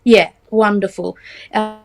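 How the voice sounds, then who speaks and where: An Australian woman in her forties, chatting as a guest in a casual interview, filling pauses with ums and teasing lightly. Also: mid-range voice, level tone, creaky, faint music behind. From Australia, Central West New South Wales. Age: 40s.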